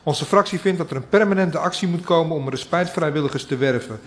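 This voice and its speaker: Higher-voiced man giving a council statement. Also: quick pace. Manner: reads a prepared party statement, then adds asides. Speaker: council member. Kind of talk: formal council speech. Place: council chamber.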